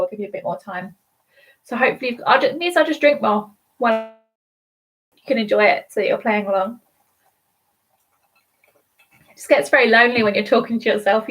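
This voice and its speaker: A woman hosting a live online quiz from home, chatting casually and spelling out words slowly letter by letter. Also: fairly high pitch, a bit bright, husky. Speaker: quiz host. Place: at home alone.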